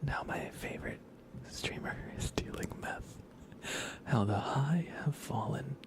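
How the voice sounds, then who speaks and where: A live streamer whispers softly and playfully close to the microphone in a breathy, medium-pitched voice, taking his time. He gives relaxed ASMR commentary while gaming and chatting with viewers.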